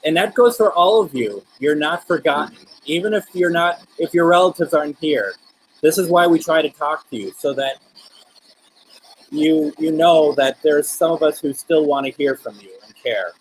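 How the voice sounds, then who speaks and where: A man hosting a live spirit-communication session, speaking in gentle, coaxing questions with pauses between them. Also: on the high side, slightly rough, poor audio. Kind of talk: live-streamed seance, addressing spirits and viewers.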